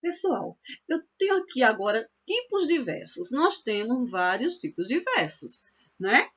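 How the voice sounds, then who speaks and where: Patient Northeastern Brazilian woman teacher, lively up-and-down delivery, somewhat muffled recording. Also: a little high, slightly rough. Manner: explanatory, repeats examples slowly, frequent "né?" and "olha só". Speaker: cordel literature workshop teacher. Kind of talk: online workshop lesson.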